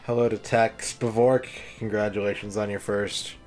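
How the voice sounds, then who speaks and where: A man's voice: on the low side, level tone, moderate pace, darkish tone, soft background music. A man streaming on a headset mic, chatting casually and greeting and thanking viewers one by one. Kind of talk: casual livestream chat.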